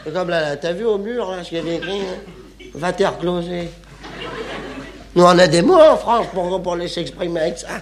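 A man's voice: high-pitched, moderate pace, background noise. A man performing a comic stage monologue, in an indignant, exclaiming, mock-stubborn manner. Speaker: comedian.

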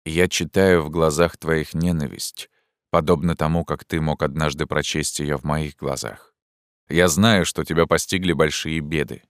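A man voicing a noble captive man who speaks quietly with sorrow and resignation. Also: a bass voice, fairly even intonation, normal speed, dry recording, studio quality. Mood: sorrowful.

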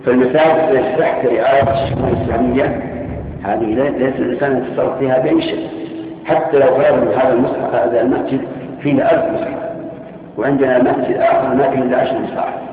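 A man teaching as a sheikh, answering questions with firm, reasoned rulings. His brisk voice rings through a long hall reverb and comes from a distance. The sound is thin and phone-like, with a faint hiss underneath. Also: mid-range voice, steady tone. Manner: measured, authoritative rulings with reasoning. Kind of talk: religious Q&A lesson. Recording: echoey hall from far off, tinny lo-fi, faint hiss.

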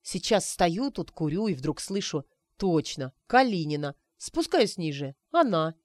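A man's voice: on the high side, big pitch swings, measured pace, dry recording. A woman voicing a cocky young man who teases a friend by pretending to be a wizard, in a playful, mock-mystical way. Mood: teasing.

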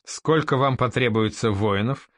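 A man voicing a sugary, wary male merchant councillor in an audiobook, smooth but suspicious. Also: medium pitch, sing-song, moderate pace, dry recording, natural voice. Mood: probing.

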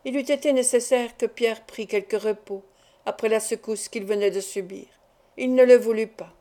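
A woman reading a classic adventure novel aloud in a steady, expressive way. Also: on the high side, moderate pace. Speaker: audiobook reader. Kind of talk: literary audiobook narration.

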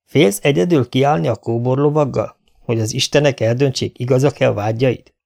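Egy férfi, aki egy szigorú, követelőző herceget, egy apát szólaltat meg. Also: male voice, mid-range voice, creaky, a little mellow, close to an everyday voice. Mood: stern. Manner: demanding, challenging. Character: stern older prince, father, demanding.

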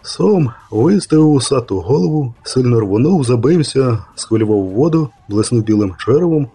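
A male audiobook narrator with a husky, mellow voice. He tells the story in a steady, measured way, with a dark, soft edge to his tone. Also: medium pitch.

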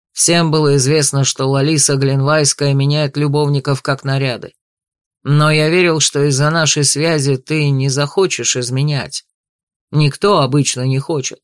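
A man's voice: a little high, no echo, studio quality, natural voice. A man voicing a bitter, wounded young nobleman. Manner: bitter, restrained anger. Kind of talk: audiobook dialogue reading.

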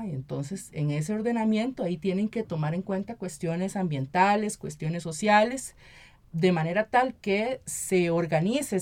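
A Costa Rican woman, an environmental activist and municipal council member, answers interview questions earnestly and explanatorily in Costa Rican Spanish. Her voice is on the low side and a little mellow, and she often checks in with short tag questions.

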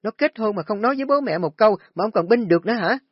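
A man's voice: high-pitched, lively intonation, rapid-fire, breathy edge, no echo, voice pushed up. A man voicing a hysterical, stubborn older mother who shrieks and wails. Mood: furious. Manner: shrieking, screaming complaints. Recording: dry, dull lo-fi recording.

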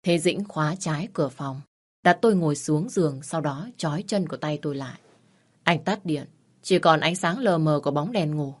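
A woman reading a romance story aloud in a steady, measured first-person narration. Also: low voice. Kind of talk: audiobook narration.

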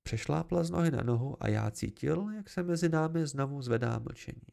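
Gravelly man reading a novel aloud. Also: a little high, darkish tone. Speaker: audiobook reader. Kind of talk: amateur first-person novel narration.

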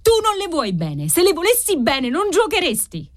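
Give me a woman reading a bitter, cold wife who replies sharply, her tone rising forcefully, as in a read-aloud novel. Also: mid-range voice, expressive, brisk, dry recording, studio quality, lightly acted. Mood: exasperated. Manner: curt and harsh, then exasperated.

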